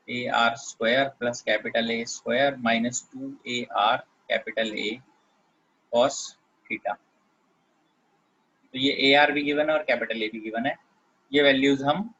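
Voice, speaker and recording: A man's voice: mid-range voice, sharp tone, slightly rough, lo-fi sound. A man teaching physics in a classroom lecture, explaining step by step and often checking that students follow.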